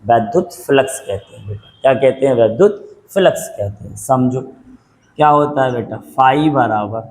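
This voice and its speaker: Male physics teacher, patient call-and-response lecturing with slow dictation. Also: medium pitch, animated, a little mellow, poor audio. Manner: repetitive call-and-response questioning; patient, dictates slowly for note-taking. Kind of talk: classroom lecture.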